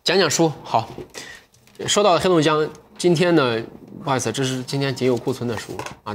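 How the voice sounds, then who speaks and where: Speaking straight to his audience with lively energy, a young livestream sales host in an indoor studio pitches products and talks about a book between chats with viewers. His voice is medium-pitched, and a little background noise is audible.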